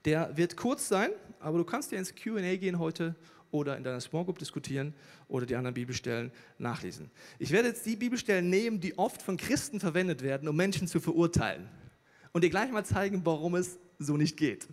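A man preaching a sermon in an animated way, with loud bursts when he acts out quoted voices. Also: fairly high pitch, a little fast. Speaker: pastor. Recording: long hall reverb.

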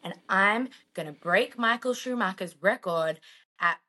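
A young woman in her twenties co-hosting a podcast, chatting in a gushing, animated way and acting out her own reactions. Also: medium pitch, unhurried. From Australia. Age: 20s. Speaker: podcast co-host. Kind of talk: casual chat.

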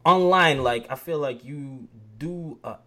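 A man's voice: a little high, a little slow, bright, forceful tone. A man hosting a podcast, asking questions and giving brief friendly affirmations. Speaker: podcast host. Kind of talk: casual interview chat.

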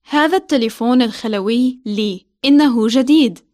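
High-voiced woman co-hosting a language lesson. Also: rapid-fire, a little mellow. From Syria. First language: Arabic. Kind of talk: scripted language lesson dialogue and chat.

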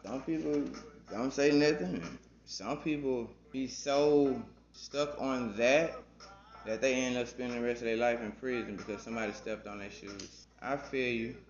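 A man's voice: medium pitch, normal speed. A Southern US man co-hosting a casual podcast, loose and playful, slangy and prone to repeating himself. His voice sits mid-range for a man. The audio is roomy and a little dull. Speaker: podcast co-host. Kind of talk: casual chat.

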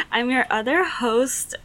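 A woman's voice: sits high, bright, forceful tone. A young woman co-hosting a podcast, telling stories in a rambling way full of "like" and fillers and laughing often. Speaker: podcast co-host. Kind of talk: casual chat.

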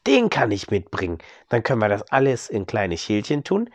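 A man's voice: on the low side, wildly swooping pitch, normal speed, dry recording, heavily acted. A man voicing an eager, generous neighbour in a bedtime story.

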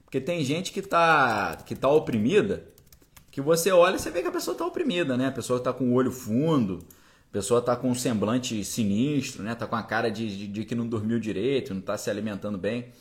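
Male preacher-host, mid pitch, relaxed conversational storytelling. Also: brisk. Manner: conversational, checks in with listeners often. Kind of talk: spoken first-person storytelling.

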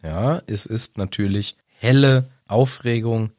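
A man's voice: lowish voice, takes it slowly, a little mellow, dry recording. Playful male co-host for a casual book-chat podcast, dry close recording. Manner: playful, joking.

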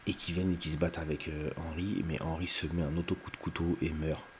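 A man's voice: rumbling low, little pitch movement, fast talker, slight background noise. A man hosting a video, retelling a TV film's plot in an unedited, rambling way with many fillers and restarts, now and then acting out lines in a raised voice. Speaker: video host recapping a TV film.

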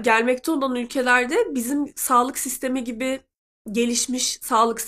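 Her voice runs a little high and fairly bright, though congested and nasal from the cold she's nursing. She's a Turkish woman hosting a relaxed chat for her listeners, translating a clip aloud as she goes.

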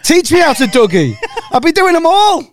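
A man's voice: very high voice, sing-song, normal speed. A young man in his twenties, co-hosting and joking in casual banter, swearing freely. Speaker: podcast co-host.

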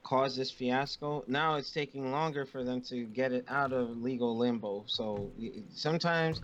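A man's voice: mid-range voice, moderate pace, a bit bright, highs cut off. A man giving his opinions as a podcast co-host in casual discussion. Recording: clear background noise with clicks.

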